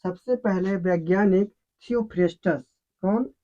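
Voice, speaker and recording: This is a teacher giving a science lesson at a middle pitch. The teacher asks the class a question, pauses, then answers it and repeats the key word. The recording is dull and lo-fi. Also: dark tone.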